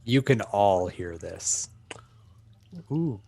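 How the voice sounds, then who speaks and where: Slow-talking man running a tabletop game. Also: lowish voice, animated, creaky, noisy background. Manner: unhurried, with many fillers. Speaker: game master.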